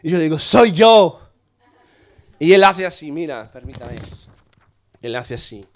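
A middle-aged man preaches with a notably high voice. He is a pastor telling a humorous story, acting out the dialogue in a lively, anecdotal way. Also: normal speed.

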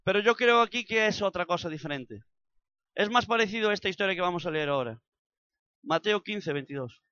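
A man's voice: high-pitched, expressive, fairly quick, bright, forceful tone, no room sound, highs cut off. A man from preaching a sermon, acting out the scripture with vivid sound effects.

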